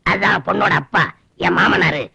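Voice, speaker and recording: A brash, gravelly, boastful groom. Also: male voice, sits high, normal speed, bright, forceful tone, exaggerated voice. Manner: brash, squabbling, indignant. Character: boastful armless man, fortune-hunting groom. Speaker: film comic actor. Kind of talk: comic film dialogue.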